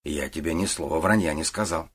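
A man voicing a calm, methodical middle-aged detective who questions patiently in an audiobook. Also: extremely low pitch, fairly quick, husky. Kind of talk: audiobook character voice.

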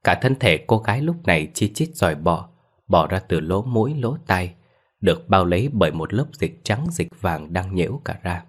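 A man's voice: low voice, animated, normal speed, slightly rough. A man narrating a Vietnamese horror story in a grim, dramatic scripted style.

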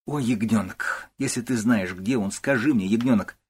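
Male narrator playing a hysterical elderly mother-in-law, shrill, accusing, husky edge. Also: moderate pace. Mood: pleading. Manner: wailing, shrieking, accusing.

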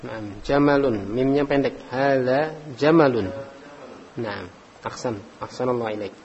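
A man's voice: medium pitch, measured pace, a little mellow. A man teaching an Arabic grammar class, patiently calling on students by name and mixing in Arabic phrases. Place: study hall with students. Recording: dull recording with long hall reverb.

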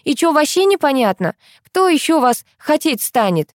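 A woman voicing a shrill, crude, demanding rich mother in an audiobook. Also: moderate pace, a little mellow, no echo, clean studio sound, natural voice. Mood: indignant. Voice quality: shrill, shrieking. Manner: crude, bossy, indignant. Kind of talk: audiobook reading.

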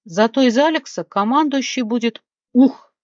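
A woman voicing a squeaky, blunt, cheeky little male creature in an audiobook. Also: moderate pace, darkish tone, no echo, dull audio, lightly acted.

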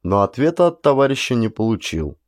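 A man narrating a war story in a measured, dramatic reading. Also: mid-range voice, very animated, no room sound, studio quality. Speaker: audiobook narrator. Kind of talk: scripted narration.

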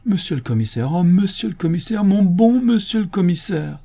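A man voicing a poor, desperate man who whimpers and pleads in a high, wailing voice. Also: expressive, moderate pace, mellow, husky. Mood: pleading. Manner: whimpering, high-pitched lament.

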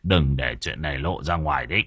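A man voicing a stern middle-aged husband who speaks curtly and low in a storybook reading. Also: fairly quick, fairly bright tone, no echo, studio quality, heavily acted. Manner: gruff, curt, low.

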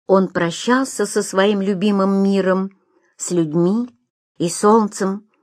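A woman narrating a storybook in an even, measured reading. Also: mid-range voice, no echo, clean studio sound. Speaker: audiobook narrator. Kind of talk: scripted narration.

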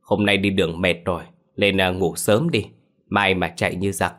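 A young village mother, voiced by a male storyteller in a spoken horror tale. She speaks soothingly to her child. The voice stays low in pitch. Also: fairly even intonation, moderate pace, fairly bright tone. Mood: tender. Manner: soothing, affectionate.

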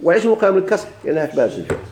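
Moroccan guy teaching grammar, warm mellow voice, keeps asking the class then answering himself. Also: a little high, very animated, racing. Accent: Moroccan Arabic. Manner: asks questions and answers them himself, repeats key points. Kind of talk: classroom lesson.

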